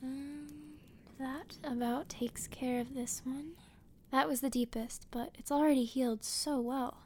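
A woman voices a lonely hermit woman nursing a hurt stranger, teasing him softly as she works. Her voice sits a little high, with a gravelly fry at the ends of her phrases. She often sinks into a gentle half-whisper, with a faint hiss of noise behind her. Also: steady tone, measured pace. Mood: soothing. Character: teasing hermit woman tending a wounded man. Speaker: audio roleplay performer. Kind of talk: audio roleplay addressed to the listener.

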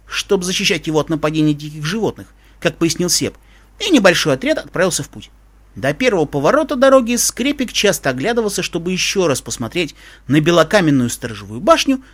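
Animated male audiobook narrator. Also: a little high. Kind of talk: storybook narration.

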